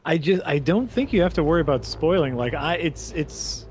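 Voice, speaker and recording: A man's voice: a little high, animated, normal speed, a little mellow. A man co-hosting a video game session in casual, playful banter, laughing often. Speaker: co-host playing a video game. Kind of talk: casual gaming chat. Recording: noisy background.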